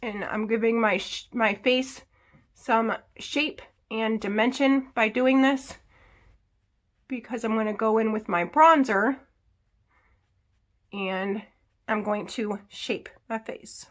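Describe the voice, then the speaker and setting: Woman, beauty vlogger, somewhat high-pitched, casual makeup tutorial, chatty asides. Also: slow pace, pauses often. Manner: chatty, explains each step, adds little asides.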